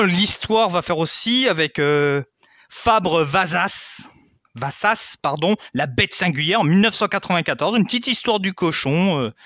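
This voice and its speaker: Young guy explaining history, chatty w/ lots of asides, really bouncy high voice. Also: bright, forceful tone, dry recording, clean studio sound. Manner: chatty, frequent "hein" and asides. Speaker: history video host. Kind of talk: casual educational explainer.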